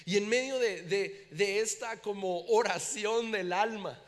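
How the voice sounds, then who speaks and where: A pastor from Ciudad Juárez preaching, with a fairly high voice for a man. He tells a personal story in an animated way and acts out the voices of the people in it. The long reverb of a church hall hangs on every word. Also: unhurried. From Mexico, Ciudad Juárez.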